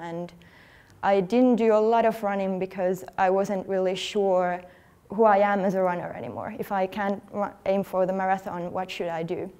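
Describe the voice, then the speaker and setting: A woman, giving an earnest, conversational talk at a conference, now and then pausing over her words. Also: medium pitch, dark tone, clear, resonant tone. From Finland. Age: 30s. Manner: earnest, conversational, slightly halting. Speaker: athlete speaking at a workshop. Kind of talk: conference presentation. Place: conference hall.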